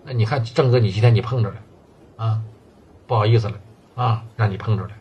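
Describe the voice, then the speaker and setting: A man's voice: lowish voice, fast, darkish tone, breathy edge, muffled recording, voice pushed down. A man with a Northeastern Mandarin accent voicing a defiant, cocky young male brawler who talks back. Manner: defiant, backtalking.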